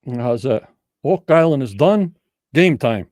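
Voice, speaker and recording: A man's voice: mid-range voice, animated, slow, a little mellow, no echo, studio quality. A man hosting a casual livestream trivia night, talking in folksy, rambling game-show patter.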